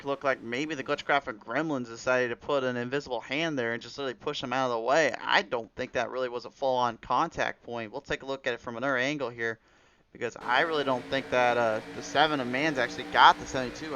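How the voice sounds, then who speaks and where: A race commentator with a medium-pitched, steady, sharp voice talks fast through live play-by-play on a racing league broadcast, rambling with restarts and fillers. He sounds a bit under the weather, his voice drops out at times, and there's a slight hiss or hum.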